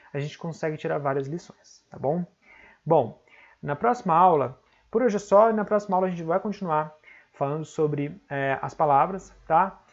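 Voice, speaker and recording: A man with a Brazilian accent teaching an online exam-prep lesson, explaining step by step and often checking in with quick tag questions. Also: a little high, creaky, dull audio.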